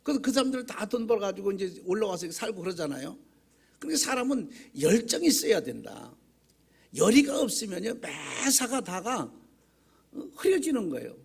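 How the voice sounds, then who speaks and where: A man's voice: high voice, sing-song, normal speed, creaky, breathy edge. A man preaching a sermon as pastor, talking in a conversational, folksy way, telling humorous stories and putting rhetorical questions to the congregation in a church. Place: church sanctuary.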